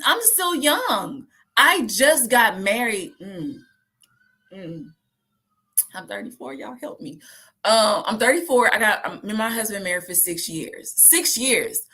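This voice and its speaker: A woman, talking casually and lively to her viewers and acting out the voices she quotes. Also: on the high side, breathy edge. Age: 30s. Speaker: host.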